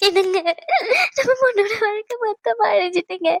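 A woman voicing a soft-hearted, middle-aged mother of the bride in a cartoon drama, who speaks in a soothing, pleading way. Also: on the high side, fairly even intonation, normal speed, dry recording, clean studio sound, close to an everyday voice. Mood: tearful. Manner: soothing, then tearful and pleading.

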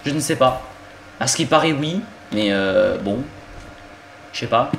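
A young man from southern France with a southern French accent, giving excitable, swearing gameplay commentary as he plays an online shooter. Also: mid-range voice, measured pace, gravelly, slight background noise. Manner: excitable, swears often, jokey asides. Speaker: gaming YouTuber. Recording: roomy home recording with game music.

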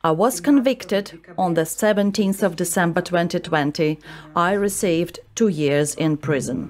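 A woman in her thirties giving a measured first-person testimony as an activist. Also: on the low side. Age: 30s. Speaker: activist telling her story.

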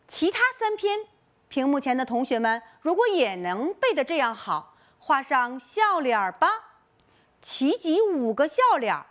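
Woman, primary teacher in a recorded lesson; high, very animated, coaxing. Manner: lively, coaxing classroom delivery with drawn-out task titles. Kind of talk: recorded online lesson for first graders.

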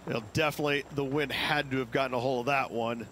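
A man's voice: medium pitch, steady tone, fast, a bit bright, slight background noise. A man giving golf commentary as an analyst, reacting to shots.

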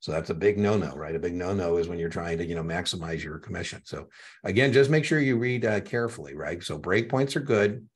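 A man's voice: low voice, lively intonation, a little fast, husky. A middle-aged man tutoring a student for an exam in a chatty way, repeating key points and telling anecdotes. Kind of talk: one-on-one tutoring session.

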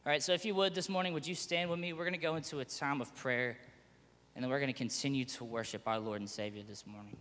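An excitable man rattles through church announcements in a chatty, upbeat way. His mid-range voice rings out with a long echo from a big church hall. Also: medium pitch, fast talker. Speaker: church pastor. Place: church sanctuary.

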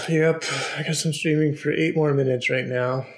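Young man, streamer, slow halting speech, many fillers, keyboard clacks behind. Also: a little high. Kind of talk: casual live-stream commentary.

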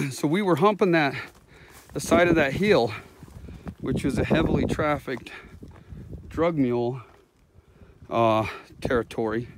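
A man hosts a video with spontaneous walk-along narration, shot on a handheld phone on a windy, rocky mountaintop. He speaks at medium pitch and a slow pace with long pauses, and the phone mic is swamped by very loud wind.

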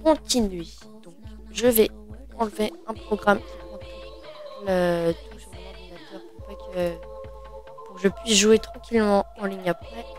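A man's voice: high-pitched, unhurried, pauses often, soft background music. A man giving casual gaming commentary while opening packs, hesitant and full of fillers and restarts. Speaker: gaming video creator.

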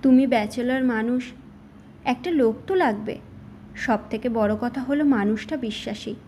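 A woman's voice: fairly high pitch, moderate pace, warm tone, slight background noise, close to an everyday voice. A woman reading the lines of a practical middle-aged landlady who gives matter-of-fact advice, in an audio story. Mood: advising.

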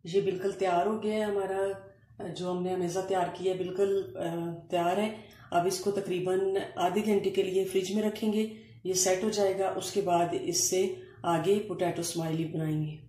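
A woman explaining a home cooking recipe step by step, pausing often as she works in a kitchen. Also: lowish voice. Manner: calm step-by-step explaining with frequent hesitations. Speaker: cooking channel host. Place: home kitchen counter, indoors. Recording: echoey room with faint ambient noise.

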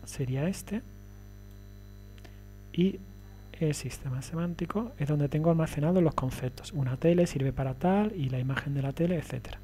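A man's voice: fairly high pitch, normal speed, warm tone. Man lecturing over a faint hum. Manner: explaining step by step with frequent check-ins. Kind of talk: recorded lecture.

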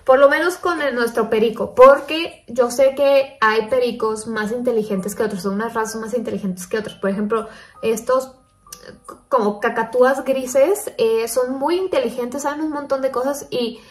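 A young woman vlogging casually to her viewers, chatty and thinking aloud with lots of fillers. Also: on the high side. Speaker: paranormal stories vlogger.

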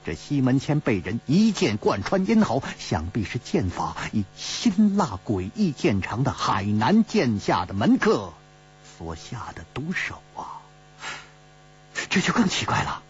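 A man narrating a traditional storytelling audiobook in a dramatic, drawn-out manner. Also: medium pitch, huge pitch swings, husky, soft background music. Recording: slightly dull recording with faint hum.

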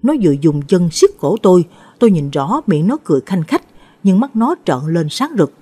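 A gruff middle-aged village man speaks urgently after a ghostly scare, voiced by a woman storyteller. The voice sits low and warm, with a husky grain. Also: sing-song, normal speed.

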